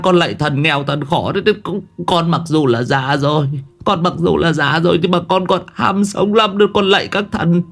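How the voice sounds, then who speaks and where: Brief: male narrator doing a frantic old village man, cries rising to shrill heights, later scolding. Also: a little mellow. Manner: wailing, pleading, pitch leaping high.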